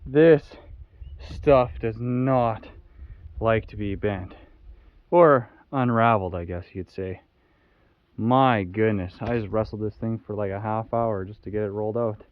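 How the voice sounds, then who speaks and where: A man's voice: on the low side, unhurried, dry recording, muffled recording. Chatty man explaining his building work. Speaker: vlog host building a home. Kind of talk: casual build-update vlog.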